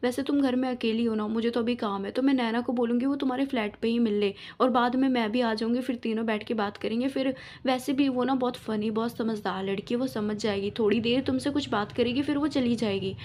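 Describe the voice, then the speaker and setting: A woman's voice: a little high, steady tone, fairly quick, few pauses, a little mellow, lightly acted. A woman voicing a lovesick young woman who pleads and complains to those close to her. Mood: pleading.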